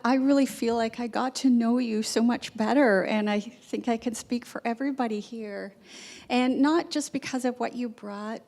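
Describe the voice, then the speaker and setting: A woman's voice: on the high side, vocal fry, a little mellow. A woman introducing a staff member to a congregation, speaking with effusive, heartfelt thanks.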